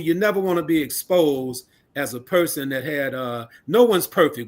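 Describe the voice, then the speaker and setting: A man's voice: on the high side, a bit bright. A man speaking as a panel guest who talks bluntly and straight, drawing on stories from his own media work. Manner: blunt, straight-talking, anecdotal. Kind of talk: panel discussion.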